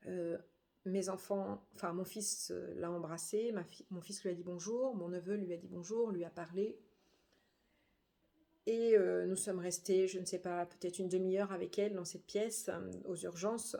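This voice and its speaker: A middle-aged woman giving a grieving personal testimony, halting and subdued, with frequent hesitations. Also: on the low side, steady tone, creaky, dark tone. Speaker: bereaved daughter.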